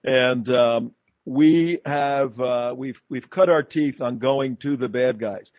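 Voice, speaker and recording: Speaking slowly in a mid-range, darkish voice, a man hosts a talk radio show from a studio. He argues emphatically and combatively in long run-on sentences. The broadcast sounds dull and dry, with no room sound.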